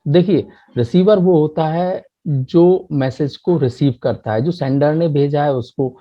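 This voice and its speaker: A man teaching a commerce lecture in Hindi, explaining step by step and reading English definitions slowly. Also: fairly high pitch. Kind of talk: classroom lecture. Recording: muffled lo-fi mic.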